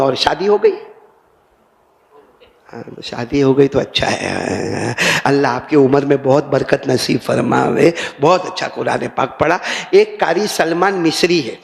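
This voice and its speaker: Older man, sermon, gravelly high voice, long hall reverb. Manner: storytelling preacher, addresses crowd directly. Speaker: preacher.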